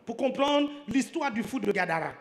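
A man's voice: very high-pitched, animated, normal speed. A man preaching a sermon in church, joking a lot and often asking the congregation whether they follow him. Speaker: pastor.

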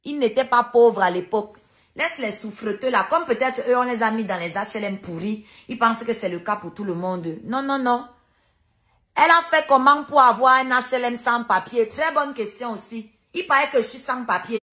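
A woman's voice: fairly high pitch, moderate pace, pushed and bright. A woman hosting a heated livestream rant, combative and sarcastic, hammering her points home by repeating them. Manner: emphatic repetition. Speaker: online live streamer.

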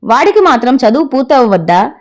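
A woman's voice: high voice, big pitch swings, a little fast, a little mellow. A woman voicing a nagging, fretful mother. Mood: scolding. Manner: scolding, complaining. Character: fretful middle-aged mother nagging her son to marry.

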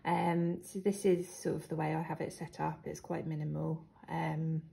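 A croaky, low-voiced young Englishwoman presents her planner supplies at a moderate pace, her tone level throughout. She's a planner vlogger, casual and hesitant, dropping plenty of ums and quiet laughs and clearing her throat. The recording is echoey, from a living room with hard flooring, with faint noise.

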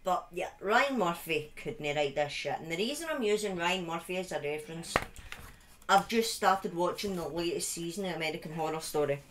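The middle-aged British woman's voice is on the low side, with a fairly bright tone and a normal speed. She has a speech impediment and tells true crime stories on a livestream in a casual, dramatic way. She uses a close desk mic on a boom arm in a small, dim room.

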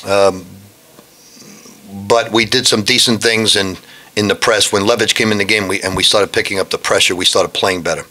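A man's voice: fairly low pitch, steady tone, normal speed, bright, forceful tone. A man in his sixties, a head basketball coach answering reporters frankly at a post-game press conference, speaking into a desk microphone and often restarting his sentences. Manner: blunt, frank, with frequent restarts. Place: press room in front of a backdrop.

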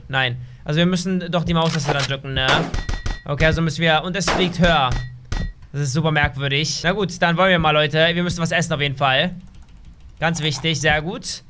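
A man giving excitable, chatty let's play commentary as a gaming YouTuber, talking straight to his viewers. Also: fairly high pitch, noisy background.

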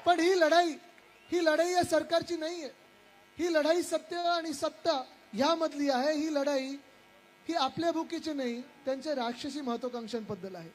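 A young man giving a loud rally speech as a politician, shouting over the crowd and talking straight to the people and the stage. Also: extremely high pitch, moderate pace, a little hiss or hum. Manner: addresses the crowd and stage directly.

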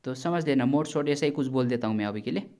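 This gaming YouTuber has a mid-range, slightly mellow voice and talks quickly through his casual gameplay commentary. Chatty and blunt, he keeps addressing viewers as "brother," warns them about things, and swears occasionally.

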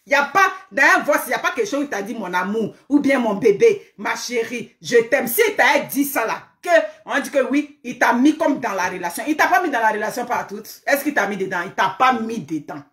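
A woman holds forth in a live online commentary, her voice pitched high as she scolds and repeats herself for emphasis. She keeps throwing out rhetorical questions. The room around her rings with echo. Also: lively intonation, fairly quick, few pauses, a bit bright. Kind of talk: live social media commentary.

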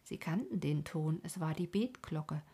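Breathy, low-voiced woman reading a bedtime story. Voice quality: breathy, half-whispered. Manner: soft, calm, slow reading to lull listeners. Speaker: sleep podcast host.

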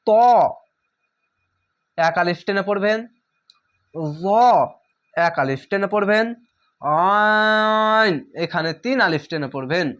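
A man's voice: high-pitched, expressive, measured pace, pauses often, fairly bright tone. A man teaching a recorded beginner reading lesson, patiently repeating instructions and sounding out letters one at a time while checking in with his learners. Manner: speaks directly to learners with check-in questions.

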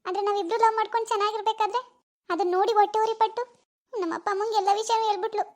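Cartoon teen schoolgirl, voiced by a woman: very high, fast, anxious hushed asides. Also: steady tone. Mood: bitter fretting. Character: worried teenage village schoolgirl in love. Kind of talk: cartoon voice acting.

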